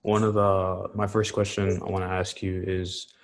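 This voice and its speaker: A man asking interview questions in a relaxed, slightly hesitant way over a video call. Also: low-pitched, normal speed, creaky.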